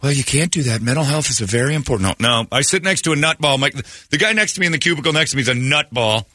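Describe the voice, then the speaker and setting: A man's voice: mid-range voice, lively intonation, very fast, sharp tone, no echo. A man hosting a radio talk show, giving blunt, opinionated rants in casual studio chat.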